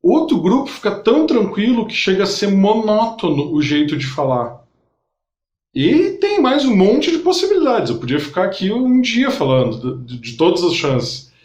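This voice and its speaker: A man teaches an online lesson, addressing the listener directly and breaking ideas into listed steps. His voice sits fairly high. The room around him rings with noticeable echo. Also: big pitch swings, a little mellow. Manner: didactic, addresses the viewer directly, pauses to list steps. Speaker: NLP instructor. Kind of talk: explanatory online lesson to camera. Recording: roomy echo.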